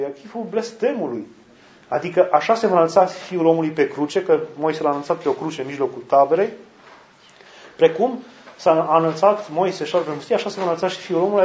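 A man's voice: sits high, darkish tone, reverberant, highs cut off. A man preaching a sermon in an earnest manner, often putting rhetorical questions to his listeners.

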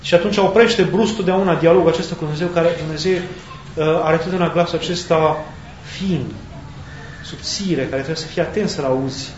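A man preaches in a fairly high voice, calm and reflective, often pausing to find the right word. The sound is roomy and a little dull, with a faint hiss behind him. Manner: thoughtful, searching for words with pauses and restarts. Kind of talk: sermon.

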